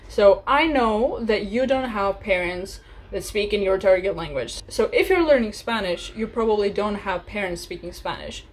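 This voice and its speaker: Chatty young woman vlogger. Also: mid-range voice. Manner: chatty and animated, laughs often, acts out little sample dialogues. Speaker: language learning vlogger. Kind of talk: casual advice vlog.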